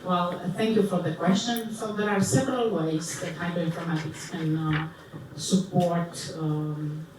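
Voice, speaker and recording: Low-voiced woman in an echoey hall. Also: fairly even intonation. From Romania. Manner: thoughtful, many pauses and fillers. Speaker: panelist, professor. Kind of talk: panel discussion answer. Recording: echoey hall, distant mic, background noise.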